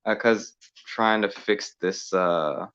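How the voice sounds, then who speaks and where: A man calling into a group discussion over his phone, halting and full of fillers. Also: lowish voice, a bit bright, clean tone. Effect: speaking over a phone line. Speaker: panel participant calling in. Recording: dull lo-fi phone audio.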